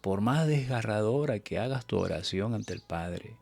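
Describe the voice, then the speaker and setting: A man's voice: on the low side, animated, normal speed, creaky, a little mellow, faint music behind. A man preaching a Bible study sermon on a live stream, earnest and exhortative, often addressing his listeners as brothers.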